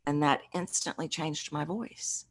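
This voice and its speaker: A middle-aged woman, a voice coach, telling a personal story in an interview in an earnest, reflective way with halting restarts. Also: low voice, fairly even intonation. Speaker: podcast guest, voice coach.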